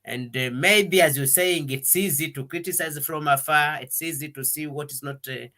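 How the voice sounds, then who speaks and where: With a fairly high voice, a man from Congo leads a casual interview set in Denmark. His delivery is halting, packed with fillers and false starts, and he switches between English and French from time to time.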